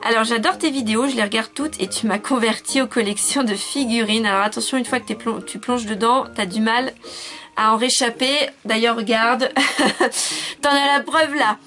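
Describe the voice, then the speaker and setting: A woman in her twenties chatting casually as she answers viewer questions in a video, with lots of fillers and quick self-corrections. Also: fairly high pitch, fairly even intonation, bright, forceful tone. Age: 20s. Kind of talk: casual chat.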